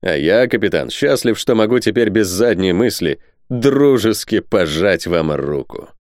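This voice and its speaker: Man doing a polite old-world count, slow and measured, low voice. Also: animated, darkish tone, no room sound, studio quality. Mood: cordial. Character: courteous male Russian nobleman, a count.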